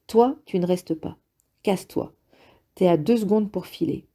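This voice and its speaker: A woman's voice: fairly low pitch, unhurried. A woman reading an angry male restaurant boss. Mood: furious. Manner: curt, shouting orders. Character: angry middle-aged male restaurant owner.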